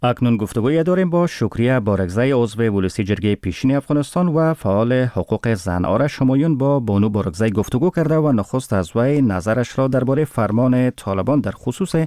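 A man presenting news in a measured, formal way. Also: medium pitch, animated, dark tone, dry recording, clean studio sound. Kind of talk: scripted news reading.

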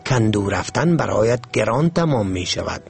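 A man voicing a wise, cautious male winged ant who gives calm, slow warnings. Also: lowish voice, creaky, breathy edge, soft background music, pitched below the performer's own voice, heavily acted.

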